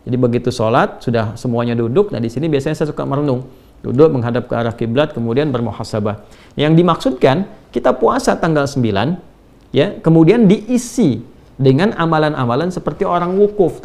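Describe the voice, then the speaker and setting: A man's voice: a little high, creaky, a little mellow. A man preaching a religious lecture in a conversational way. He asks rhetorical questions, adds tag words like "ya", and recites Arabic verses in between his explanations. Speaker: Islamic preacher. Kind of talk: sermon-style religious lecture.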